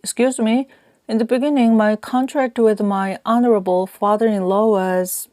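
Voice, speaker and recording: A woman's voice: medium pitch, warm tone, no echo, studio quality, pitched above the performer's own voice, natural voice. A woman reading an audiobook voicing a flustered, eager young farmhand who pleads in a hurry. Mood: eager pleading. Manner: hurried pleading.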